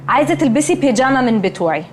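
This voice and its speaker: A woman's voice: high-pitched, animated, very fast, slight background noise. An actress playing a snooty, snappish young woman in a TV comedy, with an Egyptian accent and a curt, haughty manner. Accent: Egyptian Arabic. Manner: curt, haughty, drops English words. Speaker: sitcom character. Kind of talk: TV comedy acting.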